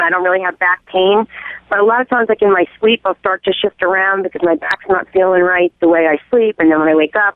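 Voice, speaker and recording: A woman's voice: mid-range voice, dry recording. A woman calling in to a radio show over a clipped phone line, chatting casually and often saying "like". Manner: chatty, fills her talk with "like". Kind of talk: casual chat. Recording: tinny dry phone line.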